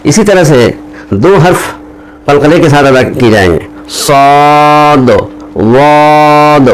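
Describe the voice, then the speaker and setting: A man teaching how to pronounce Arabic letters, drawing out each letter slowly between explanations. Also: mid-range voice, big pitch swings, a little hiss or hum, poor audio. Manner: slow, drawn-out letter recitation between explanations. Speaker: Quran teacher. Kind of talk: recorded teaching lesson.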